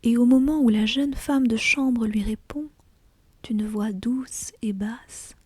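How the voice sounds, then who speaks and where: A woman reading literary fiction as an ASMR audiobook in a hushed, breathy, deliberate whisper, close to the mic. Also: a little high, steady tone, dry recording. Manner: slow, hushed, deliberate storytelling. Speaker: audiobook reader.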